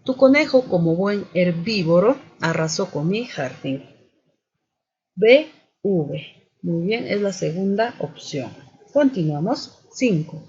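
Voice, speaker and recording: Slow, methodical male teacher. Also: sits high, lively intonation, a little mellow. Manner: methodical, repeats "continuamos" and "muy bien". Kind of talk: spelling and accent lesson for students. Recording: dull lo-fi sound.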